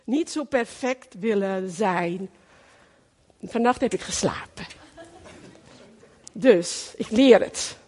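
A woman's voice: mid-range voice, slow, long pauses, a little mellow, in a large hall, slight background noise. A middle-aged woman preaching a sermon in a fervent, emphatic way, repeating her phrases for weight.

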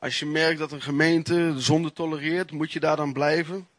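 A man preaching a sermon, telling his own testimony in an earnest, emphatic way with pauses and restarts. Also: a little high, steady tone, fairly bright tone.

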